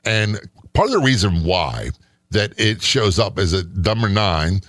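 A man's voice: lowish voice, big pitch swings, a little slow, a bit bright, no room sound, clean studio sound. A middle-aged man co-hosting a casual chat, skeptical and sarcastic, often rambling. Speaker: podcast co-host.

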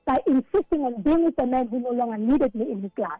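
A woman's voice: high-pitched, animated, fast talker, dry recording, narrow, tinny audio, faint music behind. A South African woman, an author being interviewed on the radio, talking earnestly and often repeating words as she thinks. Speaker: author and guest.

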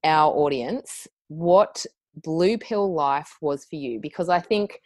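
A woman's voice: low voice, lively intonation, slow pace, a little mellow, dry recording. An Australian woman in her thirties hosting a podcast, chatty and upbeat, introducing her guest with a few fillers and self-corrections. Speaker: podcast host.

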